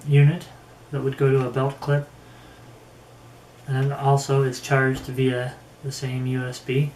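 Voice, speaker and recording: Thinking out loud at an easy pace, a man halts now and then during his casual product review. His voice holds an even, medium pitch. Echo fills the room, and soft background noise lingers.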